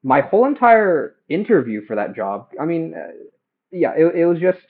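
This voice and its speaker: A young man chatting casually and haltingly while cooking at home, livestreaming through headphones used as a mic. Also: a little high, sing-song, narrow, tinny audio. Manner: hesitant, halting, self-questioning. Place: home kitchen. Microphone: headphones used as a phone mic.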